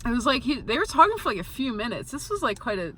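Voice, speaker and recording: A young woman with a bright, forceful voice, chatting casually into the camera for her vlog. She tells her story with little giggles between phrases, over a faint hum of background noise. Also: on the high side, big pitch swings, fast. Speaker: vlogger. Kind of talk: casual chat.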